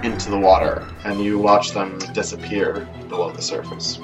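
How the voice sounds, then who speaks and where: A man's voice: on the low side, flat delivery, normal speed. A man acting as game master, improvising vivid, descriptive narration of a tabletop fantasy game and addressing the players directly. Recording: prominent music bed, somewhat distant mic. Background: music.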